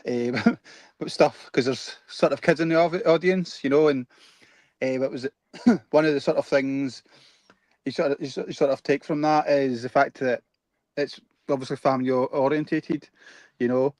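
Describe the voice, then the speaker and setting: A man in a casual chat, talking haltingly and repeating "eh, what was it". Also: mid-range voice, steady tone, darkish tone, dry recording. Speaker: guest co-host.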